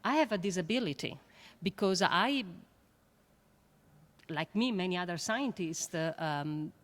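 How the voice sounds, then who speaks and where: Earnest woman, low voice. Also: lively intonation, a bit bright. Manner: earnest, halting, with many fillers and repeats. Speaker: scientist on a panel. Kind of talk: panel discussion remarks.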